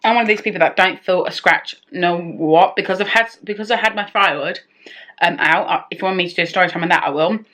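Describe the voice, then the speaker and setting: Speaking quickly in a somewhat low, slightly bright voice, this woman vlogger chats through a personal story-time tale. She rambles and keeps interrupting herself to begin her sentences again.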